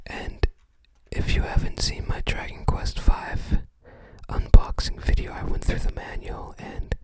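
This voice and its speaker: In a relaxed ASMR show-and-tell, the creator speaks in a gentle, airy whisper, thinking aloud without any hurry.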